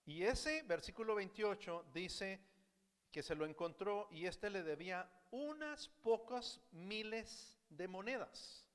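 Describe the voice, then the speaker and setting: A man's voice: high voice, in a large hall. A man preaching a sermon as pastor, switching between Spanish and English and repeating each point, often asking the congregation questions. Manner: animated, asks the congregation questions. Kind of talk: bilingual sermon, preaching and self-translating. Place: church sanctuary.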